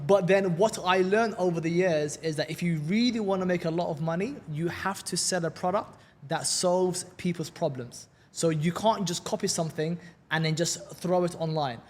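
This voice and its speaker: A London man guests on a relaxed podcast interview, speaking in his London accent at a moderate pace in a high voice, with slight background noise. He's upbeat and talkative and tends to repeat words as a sentence gets going.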